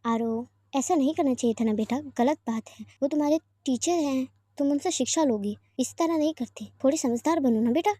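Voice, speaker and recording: A woman reading a story aloud, voicing a soft-spoken father who coaxes and indulges his daughter calmly. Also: high-pitched, brisk, few pauses, dry recording, clean studio sound. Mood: coaxing. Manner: calm, coaxing, indulgent.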